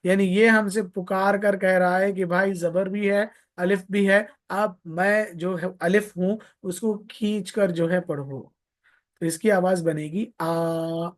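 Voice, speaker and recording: A man teaching Quran recitation in a live online lesson, patiently repeating points, drawing out vowel sounds to demonstrate them and sprinkling in pious blessings. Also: high-pitched.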